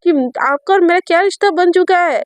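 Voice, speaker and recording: A woman's voice: very high voice, a little fast, no echo, pitched above the performer's own voice. A woman doing Sejal, a playful clingy girl. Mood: complaining. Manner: coaxing, whiny. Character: bold, playful young woman, clingy girlfriend.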